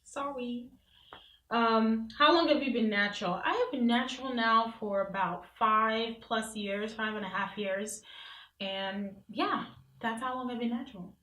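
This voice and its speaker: A woman's voice: a little high, unhurried, echoey room, poor audio. A woman in her thirties from Nigeria, chatting casually to camera as a vlogger, reading questions off her phone. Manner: chatty, warm-hearted asides, reads questions off her phone. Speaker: beauty vlogger. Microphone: camera mic, reading from phone.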